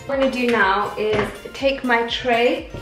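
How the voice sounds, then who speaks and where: A woman's voice: a little high, fairly even intonation, unhurried. A young woman chatting upbeat and rambling to viewers while cooking in her home kitchen. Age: young adult. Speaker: vlogger. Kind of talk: casual cooking vlog. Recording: roomy kitchen echo, faint background music.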